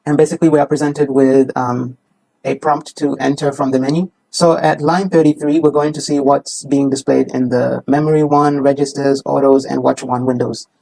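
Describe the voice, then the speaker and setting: Young kenyan guy, gravelly mellow voice, chill debugger walkthrough. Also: medium pitch, normal speed, poor audio. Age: young adult. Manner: relaxed, explains while running a debugger. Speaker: student presenter. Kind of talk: class project presentation.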